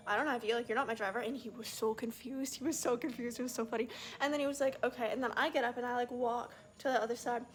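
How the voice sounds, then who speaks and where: A young woman telling a story in a casual vlog, chatty and full of "like" fillers. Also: a little high. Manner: chatty, fast, lots of "like" fillers. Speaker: vlogger.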